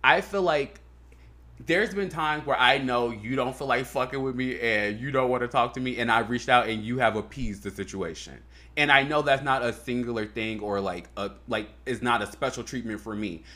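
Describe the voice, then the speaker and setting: A man's voice: mid-range voice, normal speed, bright, forceful tone. A man co-hosting a podcast, talking in a loose, heartfelt way, full of fillers and swearing. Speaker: podcast co-host. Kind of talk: casual chat.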